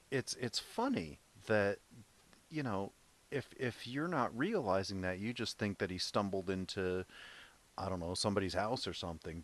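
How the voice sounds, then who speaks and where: A man's voice: fairly low pitch, fairly bright tone. A man co-hosting a movie podcast, chatting casually about a film and laughing often. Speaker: podcast co-host.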